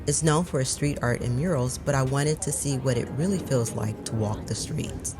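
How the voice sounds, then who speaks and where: A calm, measured narrator reading a scripted travel walkthrough voice-over. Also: medium pitch, music in the background. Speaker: vlog narrator.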